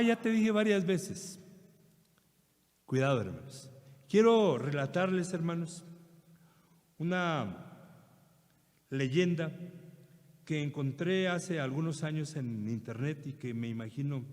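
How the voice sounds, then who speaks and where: A man's voice: on the high side, darkish tone. A middle-aged man with a Mexican accent preaching a sermon earnestly, often addressing his brothers. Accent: Mexican Spanish. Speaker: pastor. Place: church hall. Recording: long church reverb.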